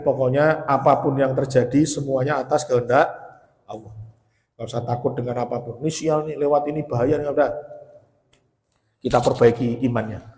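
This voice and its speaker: A man's voice: mid-range voice, darkish tone. A man giving a sermon, telling stories with quoted dialogue and rising to emphatic peaks. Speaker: preacher. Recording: long hall reverb.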